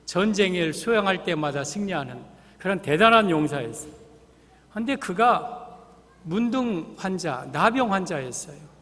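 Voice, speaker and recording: High-voiced pastor preaching in a reverberant church. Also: male voice, normal speed. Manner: animated storytelling, acting out characters. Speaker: senior pastor. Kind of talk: sermon. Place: church sanctuary. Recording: long reverb of a church sanctuary.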